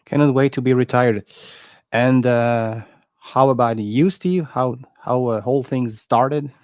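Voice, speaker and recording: A man's voice: medium pitch, a little mellow, no echo. A man hosting a casual livestream, stumbling and restarting as he puts his questions. The sound is dry and close, with no room around it. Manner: halting, repeats words when asking. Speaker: livestream host. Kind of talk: casual interviewing chat.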